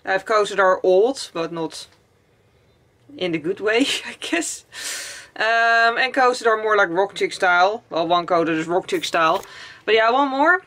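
Her pitch sits in the middle and her tone is fairly bright as she chats animatedly at a moderate pace. The young vlogger is showing off her clothes in a cluttered attic at home, wandering a little in her talk with plenty of fillers and repetitions.

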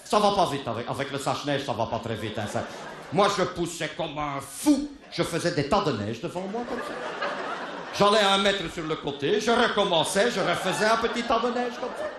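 Guy telling a funny story, high voice, swoops up and down a lot, keeps laughing and yelling out bits, echoey room. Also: background noise. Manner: animated, laughing, shouts and mimics people in the story. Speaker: comedian. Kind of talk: comic storytelling monologue.

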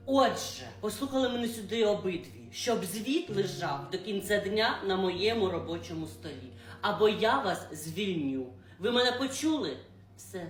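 A woman's voice: mid-range voice, animated, moderate pace, distant mic, lightly acted. A woman voicing a bossy, nasty female office manager who barks orders. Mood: domineering. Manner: barking and commanding. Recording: roomy room with faint music.

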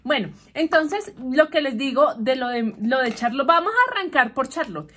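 A woman's voice: sits high, expressive, moderate pace, a bit bright. A woman chatting casually and gossipily as she recaps a TV show while doing her makeup. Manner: chatty, gossipy, keeps saying "mi amor". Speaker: vlogger.

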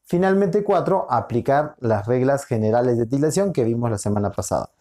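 A man teaching a recorded lesson with a warm, mellow voice. He explains patiently, drawing words out, repeating each point and checking in with short questions. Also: medium pitch, animated, a little fast. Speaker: school teacher.

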